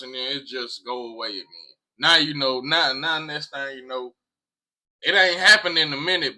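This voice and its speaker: A man's voice: fairly high pitch, pushed and bright, low-quality recording. An American man talking casually to viewers in an emphatic way, repeating phrases and swearing freely. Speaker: vlog host.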